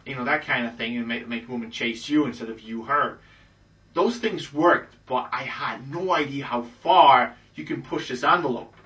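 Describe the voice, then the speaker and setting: A man, a dating coach, casually telling a story in a chatty way, full of fillers and lively re-enactments. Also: medium pitch, far from the mic, low-quality recording.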